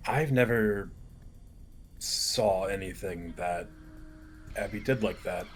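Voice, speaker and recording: A man's voice: low-pitched, slow pace, faint music behind. A man playing in a tabletop game, speaking casually in and out of character. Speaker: player. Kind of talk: tabletop role-play chat.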